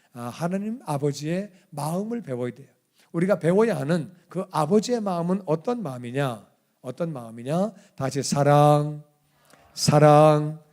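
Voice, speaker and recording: High-voiced male pastor preaching animatedly. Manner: animated storytelling, acting out quoted voices; questions aimed at the congregation. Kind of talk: sermon.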